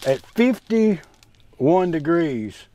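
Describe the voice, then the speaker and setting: A man's voice: a little high, sing-song, extremely slow, dark tone. A man bantering casually outdoors, making dry jokes in an easy drawl. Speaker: mechanic friend.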